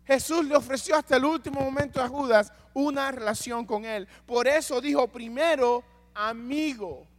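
A man preaching a sermon, asking the congregation rhetorical questions and swinging between loud passages and hushed ones. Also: extremely high pitch, steady tone, moderate pace, few pauses, big-room sound.

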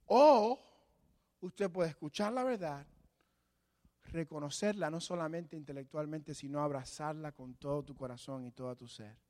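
A man preaching a sermon as pastor, dynamic and acting out voices of imagined people. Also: a little high. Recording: long hall reverb.

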